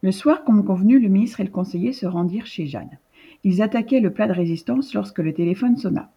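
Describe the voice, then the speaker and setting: Storybook narrator, woman, husky and measured, dull lo-fi recording. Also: mid-range voice.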